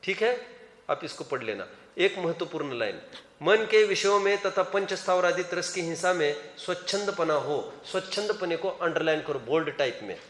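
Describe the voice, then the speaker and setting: High-voiced male scripture teacher, echoey hall. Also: animated, normal speed, a bit bright. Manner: questions students by name, urges hands up. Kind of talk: classroom scripture lecture.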